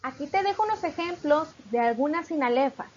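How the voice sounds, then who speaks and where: A woman from Mexico, a teacher narrating a recorded lesson, explaining patiently and reading examples slowly. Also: high-pitched, expressive, muffled recording.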